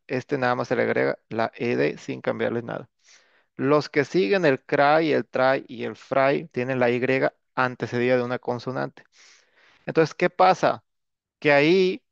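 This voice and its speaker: A man gives an English grammar lesson in a relaxed classroom style, often ending sentences with a questioning "¿no?" and leaning on the filler "este". His voice is medium-pitched with vocal fry, and the recording is dull, lo-fi, and dry with no echo.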